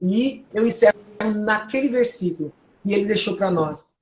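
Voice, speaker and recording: Deep-voiced woman preaching. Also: animated, normal speed. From Brazil. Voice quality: deep, strong, powerful voice. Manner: earnest, emotional, exhorting listeners. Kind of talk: testimony and preaching. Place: at home. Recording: echoey room, faint background hum.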